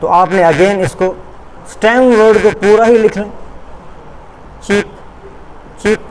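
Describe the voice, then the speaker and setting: Slow-spoken Pakistani teacher. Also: male voice, sits high, slight background noise, rough recording. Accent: Pakistani English. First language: Urdu. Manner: slow, deliberate English, quicker when explaining in Urdu. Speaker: English teacher. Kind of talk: recorded online lecture. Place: school classroom or studio.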